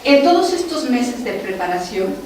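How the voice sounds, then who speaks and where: A Mexican woman gives an earnest, emotional testimony to her congregation, speaking in a fairly high voice. She is heard from a distance in a very echoey hall, with faint noise underneath. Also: big pitch swings, moderate pace, darkish tone. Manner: earnest, emotional, often addressing the brothers and sisters. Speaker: doctor giving a church testimony. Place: church hall.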